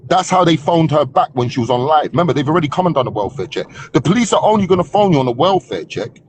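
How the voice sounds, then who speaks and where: A man with a London accent in a heated live online argument, loud and sharp, repeating himself insistently, cutting in and using slangy street talk with swearing. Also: fairly high pitch, expressive, quick pace, a little hiss or hum. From Hackney, London, England. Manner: loud, sharp, shouting over others; repetitive, insistent, interrupting.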